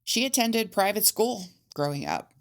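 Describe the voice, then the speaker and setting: A woman's voice: medium pitch, big pitch swings, moderate pace. A woman co-hosting a casual true-crime podcast, reading case facts with hesitant fillers. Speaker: podcast co-host telling the case.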